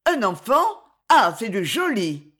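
A woman reading an audiobook, voicing a spiteful, excitable middle-aged woman who bursts into indignant exclamations. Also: medium pitch, slow pace, slightly rough, exaggerated voice.

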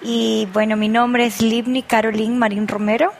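A woman from Peru, a missionary guest on a religious talk show, speaking gently and introducing herself with soft fillers. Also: on the high side, little pitch movement, normal speed, slight background noise. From Peru, Loreto region.

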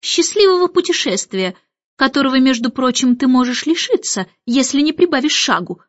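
A woman voicing a prim, strict young nanny who speaks crisply in an audiobook. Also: high-pitched, animated, fairly bright tone, no room sound, pitched above the performer's own voice. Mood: scolding. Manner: crisp and brisk. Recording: muffled audiobook with faint music.

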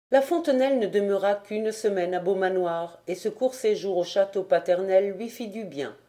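Mellow woman reading a novel aloud. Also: medium pitch. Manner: steady, measured reading. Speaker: audiobook reader. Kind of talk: audiobook narration.

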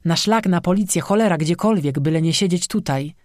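A narrator voicing a stubborn young man who shouts orders at his frightened friends. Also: medium pitch, moderate pace, no room sound, studio quality, lightly acted. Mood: barking orders. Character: stubborn young man leading a group, harsh.

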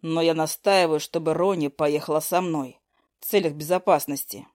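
A gloomy male necromancer , voiced by a woman, clips his words in a low, curt voice. He sounds terse and closed off, recorded dry and close. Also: steady tone, moderate pace, darkish tone, no echo, lightly acted. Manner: curt, speaks through clenched teeth.

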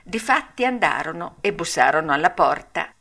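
A woman narrating a storybook audiobook in a measured, expressive reading. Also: low-pitched, gravelly.

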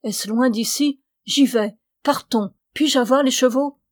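A woman's voice: high-pitched, measured pace. A woman voicing a desperate young man. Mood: pleading. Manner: urgent, pleading. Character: young man desperately searching for his sister.

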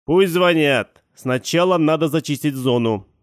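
A male audiobook narrator voicing a young, nervous policeman who barks orders in a shrill, strained voice. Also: unhurried, dry recording, clean studio sound, close to an everyday voice. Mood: commanding. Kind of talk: audiobook character voice.

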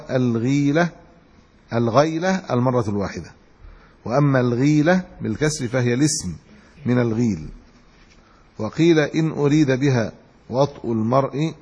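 The speaker, a sheikh teaching hadith, has a slightly rough, somewhat mellow voice in the middle range. He reads narrator chains aloud and follows with plain-spoken explanations that include some restarts. Audio is dull and lo-fi, with long reverb from a hall.

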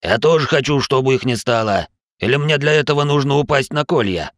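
A man's voice: lowish voice, animated, moderate pace, no echo, studio quality, lightly acted. A man voicing a hot-headed, crude American soldier type in an audiobook. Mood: angry. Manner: crude, quarrelsome. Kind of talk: audiobook character voice.

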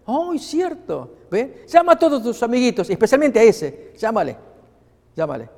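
A man's voice: very high-pitched, very animated, moderate pace, darkish tone, pitched above the performer's own voice, heavily acted. A man voicing a scheming yet reassuring uncle who coaxes a boy in a sermon story. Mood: coaxing. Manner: coaxing, conspiratorial. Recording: long hall reverb.

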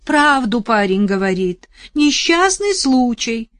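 A woman doing a shrill old village neighbour. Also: big pitch swings, a little slow, dry recording. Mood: shouting fearfully. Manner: shrill, shouting, fearful.

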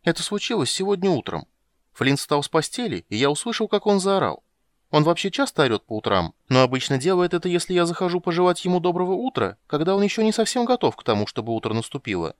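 A man's voice: fairly high pitch, sing-song, fast, no room sound, clean studio sound, pitched above the performer's own voice. A man voicing a cheerful, curious young male kender who rambles eagerly in an audiobook. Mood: chattering.

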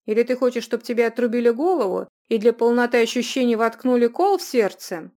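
A defiant young man, as a woman reading puts him on, blunt and sarcastic. He mocks others in a loud, cocky tone. Told as part of a storybook reading. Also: a little high, fairly quick, lightly acted. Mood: mocking. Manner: mocking, blunt.

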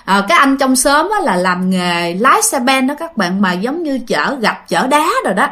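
A woman's voice: on the high side, big pitch swings, moderate pace, sharp tone. A woman with a Southern Vietnamese accent casually telling a ghost story, chatting to listeners with fillers and repeats.

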